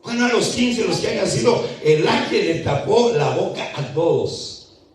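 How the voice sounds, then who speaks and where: A man with a high voice preaches a sermon and leans hard into the scripture he retells, often building up to a shout. He sounds some way from the mic, and the church around him rings with a heavy echo. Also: lively intonation, crowd noise. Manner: rises to shouting when retelling scripture, slow emphatic reading. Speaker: pastor. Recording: echoey church hall, mic at a distance.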